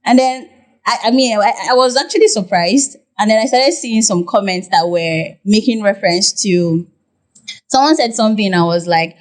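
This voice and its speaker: A young woman with a Nigerian accent, a podcast guest who explains at length in an animated way, with many "like" fillers. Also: mid-range voice, normal speed. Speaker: guest, content creator. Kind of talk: podcast interview.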